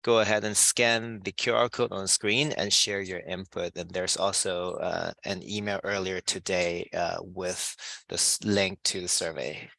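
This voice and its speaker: A man with a low, gravelly voice hosts a webinar and reads announcements with a few ums. His tone is bright and the sound is dry, as on a video call. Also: level tone, a little slow, no room sound, low-quality recording. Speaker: webinar host.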